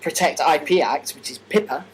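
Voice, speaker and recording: A man's voice: a little high, normal speed. A man co-hosting a casual podcast, rambling and laughing through his points with plenty of fillers. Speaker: podcast co-host. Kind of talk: casual chat. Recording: noisy amateur podcast recording.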